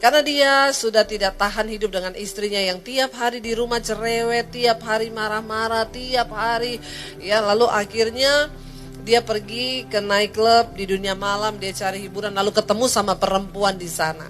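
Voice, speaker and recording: A woman's voice: a little high, moderate pace, faint music behind. A woman preaching a sermon, telling a story and acting out its dialogue, rising to emphatic peaks. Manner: lively, acts out dialogue, rises to emphatic peaks.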